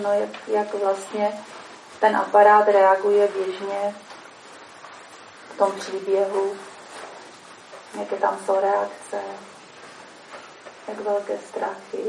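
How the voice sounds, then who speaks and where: Woman, steady explainer, gravelly and flat delivery; echoey, far-off mic. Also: mid-range voice. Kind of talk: calm explanatory talk. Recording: echoey room, mic far off, faint noise.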